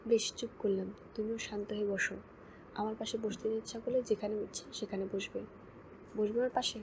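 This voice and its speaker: A woman voicing a kindly young woman who speaks softly and gently to calm a girl. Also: medium pitch, a little fast, background noise, lightly acted. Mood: gentle. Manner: soft, gentle, near-whispering.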